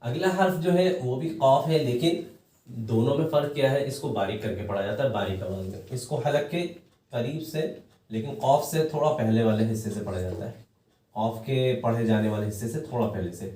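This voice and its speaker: A man's voice: medium pitch, mellow, recorded from a distance. Man, Quran reading teacher, patient, chanted letters, roomy echo. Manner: patient, repeats each letter in a drawn-out chant. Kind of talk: recorded lesson for children. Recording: echoey room, voice from off-mic.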